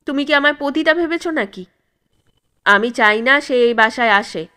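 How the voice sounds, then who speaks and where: A woman's voice: sits high, measured pace. Woman playing a proud, indignant wife. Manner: firm, indignant, sharp retorts. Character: proud, wounded young wife and mother.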